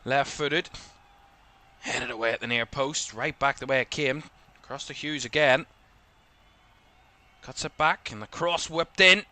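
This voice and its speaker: Bright-voiced Northern Irish football commentator. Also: male voice. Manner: quick play-by-play calls that lift in pitch at attacking moments. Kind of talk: live watchalong match commentary.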